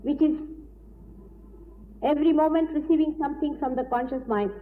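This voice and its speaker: A woman giving a deliberate, explanatory spiritual lecture, heard on an old tape recording. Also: sits high. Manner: deliberate, explanatory, with frequent pauses. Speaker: spiritual teacher. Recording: tinny old lecture tape with faint hiss.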